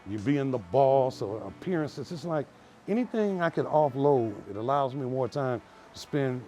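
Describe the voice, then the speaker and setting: A man's voice: medium pitch, normal speed, faint music behind. A man in his sixties who tells stories loosely and laughs often while showing his home. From United States. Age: 60s. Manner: laughing, animated storyteller. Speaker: interviewee, homeowner. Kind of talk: casual storytelling during a house tour.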